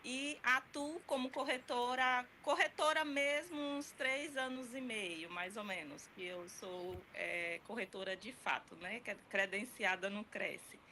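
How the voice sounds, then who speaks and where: A woman's voice: on the high side, measured pace, hardly any pauses, bright, forceful tone, slight background noise. A woman from the interior of Bahia, a real estate broker speaking as a webinar guest, friendly and a little hesitant. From interior of Bahia, Brazil. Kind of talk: webinar panel talk.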